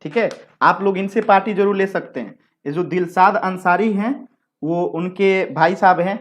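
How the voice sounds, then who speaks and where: A man's voice: high-pitched, moderate pace, a bit bright. Chatty man teaching a live class. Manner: chatty, repeats points, asks rhetorical questions to the class; banters with students between explanations. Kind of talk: live exam-prep lecture.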